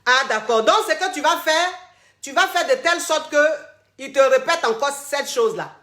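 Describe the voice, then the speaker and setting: A high-pitched woman talks a caller through her troubles, teasing and dramatic, looping the same phrases again and again. Her voice rings in a noticeably echoey room. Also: animated, moderate pace, sharp tone. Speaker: host coaching callers. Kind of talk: casual advice call. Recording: roomy echo.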